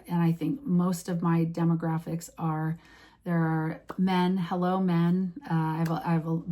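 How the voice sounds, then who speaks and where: A vlogger in her late fifties chats casually to camera for her followers in a lowish, mellow voice. She rambles, restarting often and using plenty of fillers.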